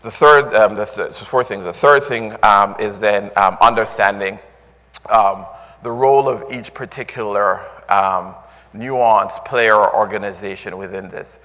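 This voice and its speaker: A man with a Jamaican accent gives a conference talk in a low voice, stopping often with "um" and "uh" and restarting his sentences. The sound carries a long reverb from a large hall. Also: a little slow, sharp tone. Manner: filler-heavy, restarts often, earnest. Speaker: conference speaker.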